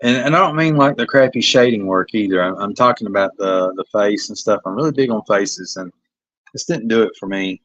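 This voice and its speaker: Streaming live, a comic artist with a Kentucky accent rambles hesitantly and critiques his own pages in a fairly low, fairly quick, somewhat bright voice. Recorded on a phone, the sound is lo-fi and dry, with no room sound.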